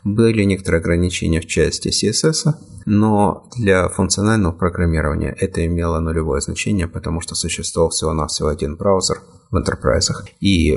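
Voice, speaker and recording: A man with a very low voice explains software platforms at an unhurried pace. His tone is gravelly and slightly husky, and he pauses often to search for words. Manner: measured, hesitant with frequent fillers. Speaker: software developer. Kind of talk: technical discussion.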